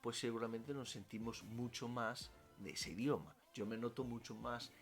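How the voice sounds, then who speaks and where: A man's voice: medium pitch, moderate pace, faint music behind. A man with an Italian accent, a language teacher answering questions in a casual vlog, talking freely and correcting himself as he goes. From Italy. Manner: animated, self-correcting, thinks aloud with fillers.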